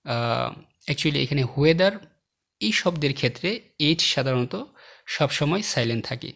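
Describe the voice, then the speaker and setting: Gravelly guy teaching off slides, reads word lists slow and careful, little clicks in the background. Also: medium pitch, a bit bright. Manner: slow, word-by-word example reading. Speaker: English teacher. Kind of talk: slide-based lesson narration.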